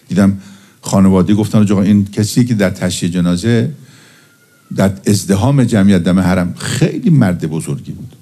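Guy giving a sermon w jokes, gravelly dark voice. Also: sits low. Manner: preaching, then telling jokes with a storyteller's timing. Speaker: preacher. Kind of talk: religious sermon with humorous anecdotes.

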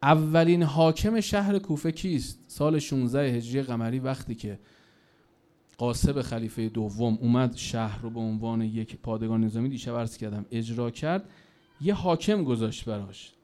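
A man preaching a sermon in a colloquial storytelling manner, his voice rising and falling sharply in loudness. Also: medium pitch. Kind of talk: religious sermon.

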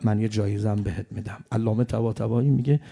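A man preaching a mourning sermon, telling the story with emotion, often hushed and then building to loud passages. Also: on the low side, fairly even intonation, gravelly, breathy edge.

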